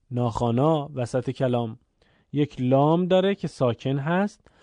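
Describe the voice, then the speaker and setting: A man teaching Quran recitation rules in a calm spoken lesson, pausing to chant examples. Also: a little high, no echo. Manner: explains slowly, then chants Arabic examples.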